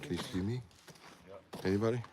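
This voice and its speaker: A man from Massachusetts's South Shore with a Boston accent hosts a live Bigfoot research stream on his phone in rural woods, chatting and joking with viewers. His voice is on the low side and a little fast, with outdoor ambient noise in the background.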